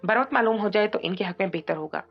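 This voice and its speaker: A woman reading as a composed male doctor, formal and measured, with a gravelly voice. The sound is dull and lo-fi, with faint music underneath. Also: mid-range voice, animated. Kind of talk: dramatic audiobook reading.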